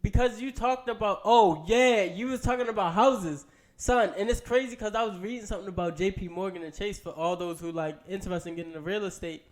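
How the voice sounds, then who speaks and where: Man, high voice, casual podcast co-host, animated, easy laughter. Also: a little fast. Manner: animated, laughs often, loses his train of thought.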